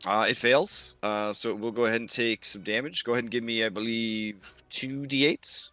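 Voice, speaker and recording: A man's voice: mid-range voice, steady tone, normal speed, pushed and bright, soft background music. A man as game master, casually narrating a tabletop role-playing game and calling for rolls.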